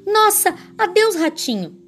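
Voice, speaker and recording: A woman's voice: high voice, big pitch swings, moderate pace, voice pushed up. A woman doing a jittery frightened snake. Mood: nervous. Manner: jittery and fearful. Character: nervous timid snake.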